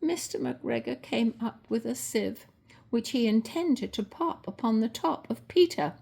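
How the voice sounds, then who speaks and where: An older woman with a husky, grandmotherly voice reads a children's story expressively, drawing out words for effect. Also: fairly high pitch, dark tone. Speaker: storyteller reading a children's book.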